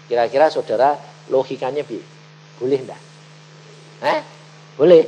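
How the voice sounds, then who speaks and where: Animated male preacher. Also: mid-range voice, moderate pace, slightly rough, rough recording. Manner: animated storytelling, often rising to emphatic calls. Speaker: evangelist preacher. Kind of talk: sermon.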